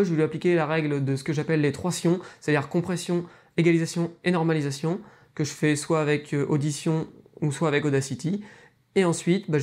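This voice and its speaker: A man explains his setup quickly and matter-of-factly. His voice is a little high, and he speaks at a rapid clip. He is recorded close on a lapel mic. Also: darkish tone. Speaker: guest YouTuber.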